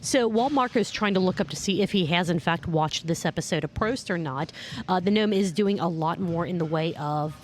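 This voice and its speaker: A woman co-hosting a casual beer podcast, bubbly and teasing, rattling off plugs quickly. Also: on the low side, slight background noise. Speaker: podcast co-host. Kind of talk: casual chat over beers. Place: home room, drinking beer.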